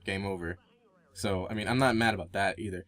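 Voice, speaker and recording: A young man with a lowish voice co-hosts a casual gaming podcast. He rambles with excitement and trips over his words. He keeps restarting his sentences as he talks. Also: fairly quick. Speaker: podcast co-host.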